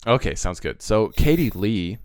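A man's voice: fairly low pitch, sing-song, moderate pace, over a noisy crowd. A man co-hosting a podcast, chatting casually and enthusiastically about a cartoon's voice cast, rambling with fillers. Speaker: podcast co-host. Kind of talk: casual chat.

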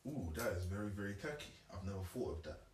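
A young London-accented man chats casually, reasoning through his points and repeating them for emphasis. His lowish voice is expressive, fast, and a little mellow, with a little hiss or hum. The room is echoey and he sits distant from the mic.

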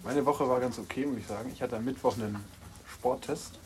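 Relaxed young man, offhand joking. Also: medium pitch, a little fast, slight background noise. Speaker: podcast co-host. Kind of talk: casual chat.

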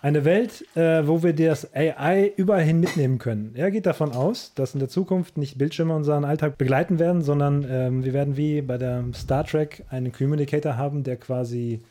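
A man's voice: a little high, brisk, few pauses, dark tone. A man hosting a casual podcast chat, explaining at length with many fillers. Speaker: podcast host.

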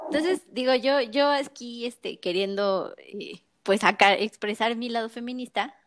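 A woman's voice: a little high, a little slow, a bit bright, slight background noise. A woman with a Mexican Spanish accent chats on a podcast as a mother telling stories. Her talk is loose and slangy, and she mimics the people she quotes. Her voice sits a little above the usual for women. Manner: chatty storytelling with slang, acts out quoted voices. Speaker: podcast co-host. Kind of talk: casual chat.

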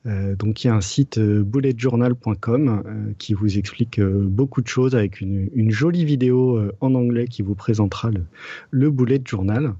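Mellow-voiced man explaining, dull lo-fi sound. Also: on the low side, moderate pace, breathy edge, dry recording. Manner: explains step by step with frequent "euh" and repeated words. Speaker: podcast co-host. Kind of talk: casual podcast chat, explaining a topic.

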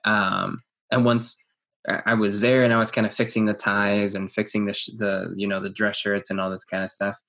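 A young man with a somewhat low voice chats on a podcast with an old friend. He recalls stories in a loose, unhurried way and pauses to find his words. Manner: relaxed, hesitant recollection with fillers and restarts. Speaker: podcast co-host. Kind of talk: casual chat.

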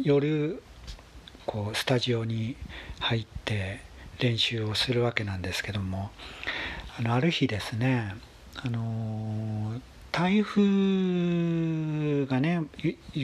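A man with a husky voice, telling a story in a casual, polite monologue with gentle pauses. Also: medium pitch, slight background noise. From Kansai, Japan. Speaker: solo talk show host.

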